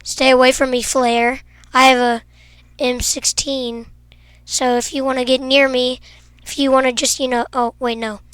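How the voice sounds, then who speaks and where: A young woman giving playful, goofy gameplay commentary, teasing her teammates and bursting into shouts. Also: high-pitched, flat delivery, moderate pace, clear, resonant tone, dry recording. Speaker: gaming video creator.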